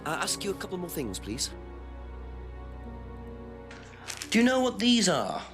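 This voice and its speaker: Polite game detective, probing questions, pitch swings loads, music playing. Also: wildly swooping pitch, fast. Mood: polite questioning. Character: polite inquisitive detective questioning villagers about a death. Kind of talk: video game dialogue. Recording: loud music behind the voice.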